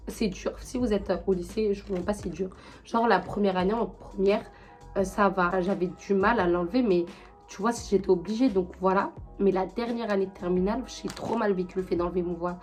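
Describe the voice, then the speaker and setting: A young woman telling a personal story to her viewers in a chatty, animated way, full of slang and fillers, with a high voice. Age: young adult. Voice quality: high-pitched. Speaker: vlogger. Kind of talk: casual storytelling to camera.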